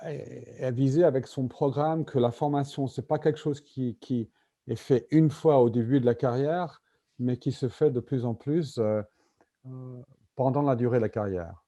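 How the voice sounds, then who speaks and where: A man's voice: mid-range voice, moderate pace, dark tone. A native English-speaking man with a British accent in French, giving a conference presentation and hesitantly searching for his words. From Britain. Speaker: invited conference speaker, medical simulation executive.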